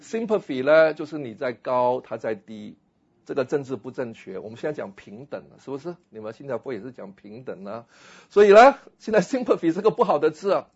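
A man, a pastor, giving a lively lecture on a philosophy text, acting out little scenes and slipping in English phrases. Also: on the high side, husky, highs cut off.

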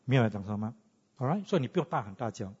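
A man preaching a sermon, teaching in an animated way and asking the congregation questions. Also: medium pitch, very fast, slightly rough. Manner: animated teaching, asks the congregation questions, mixes in English tags. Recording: lo-fi with long hall reverb.

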